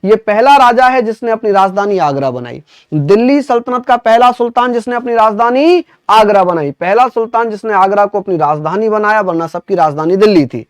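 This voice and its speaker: A man's voice: high-pitched, expressive, moderate pace, clear, resonant tone, no echo. A man teaching a history lesson to exam students, drilling facts by asking and answering his own questions, with chatty asides. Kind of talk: online exam-prep lecture.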